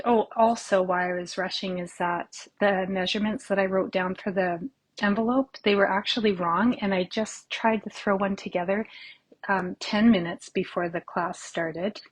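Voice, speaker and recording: A woman of medium pitch hosts a live papercraft class from her home craft room, chatty and rambling as she greets viewers by name. She sounds slightly out of breath, and a faint background noise sits under the voice. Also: low-quality recording. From Canada. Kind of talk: casual live craft tutorial.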